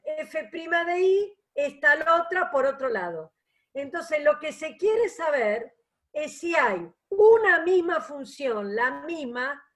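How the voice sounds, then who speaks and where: A woman teaching a math class online, patient and explanatory, often checking that students follow. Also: high voice.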